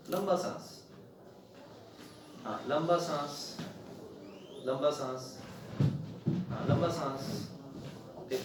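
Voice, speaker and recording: A male doctor examining a patient at the bedside, gently coaxing and repeating his instructions and praising the patient. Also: on the high side, noisy background. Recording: very echoey ward, distant, crowd behind.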